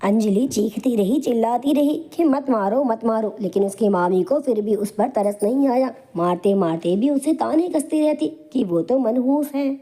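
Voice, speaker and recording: A woman narrating an animated moral story in a dramatic, sympathetic storytelling manner. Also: on the high side, moderate pace, hardly any pauses.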